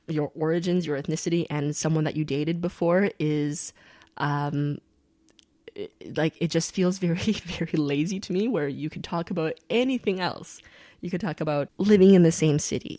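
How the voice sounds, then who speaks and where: A woman's voice: sits low, a little mellow, dry recording, clean studio sound. A young adult woman, born in China and raised in Canada, talking reflectively as a podcast guest, laughing often and restarting her sentences. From born in China, grew up in Canada. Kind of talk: reflective conversational interview.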